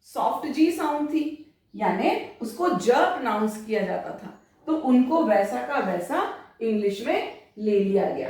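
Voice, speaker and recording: A woman teacher giving a lesson, explaining step by step and repeating example words slowly. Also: sits high, a little mellow. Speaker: English teacher. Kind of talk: classroom-style lesson. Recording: distant mic in a very echoey room.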